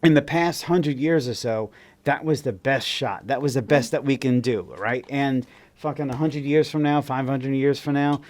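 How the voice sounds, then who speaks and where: A man's voice: mid-range voice, normal speed, darkish tone. A man co-hosting a podcast in casual chat, rambling and swearing, with many restarts. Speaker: podcast co-host.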